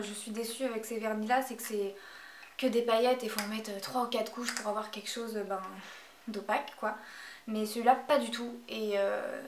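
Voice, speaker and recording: A woman reviewing beauty products in a casual vlog, talking hesitantly with many filler sounds. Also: fairly high pitch. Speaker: beauty vlogger. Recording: echoey room, voice from a distance.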